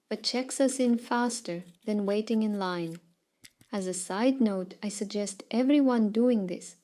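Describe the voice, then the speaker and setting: A woman telling a first-person story as a scripted storytime narration, with a lively, dramatic delivery. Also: a little high.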